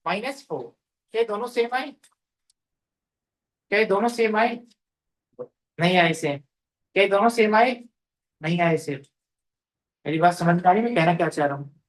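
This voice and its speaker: A man's voice: high voice, lively intonation, normal speed, pauses often. A man teaching a math class to students. He repeats phrases and asks questions, then answers them himself. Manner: calls students "beta". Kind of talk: classroom lecture. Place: classroom with a board.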